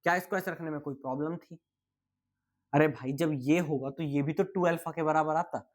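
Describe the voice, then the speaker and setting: A man's voice: a little high, fairly even intonation, moderate pace. Chatty male physics teacher. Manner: chatty, calls students bhai, asks and answers his own questions. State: tired. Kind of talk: casual exam-prep lecture.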